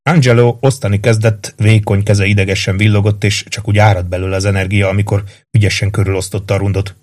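A man narrating a novel in a subdued, low storytelling voice. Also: little pitch movement, darkish tone. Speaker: audiobook narrator. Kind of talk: scripted narration.

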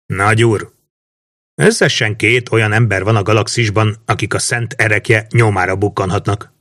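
A man's voice: lowish voice, fairly bright tone, no room sound, clean studio sound, close to an everyday voice. A man reading a cold, scheming mage. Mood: cold, explaining. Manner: measured, lecturing. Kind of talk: audiobook reading.

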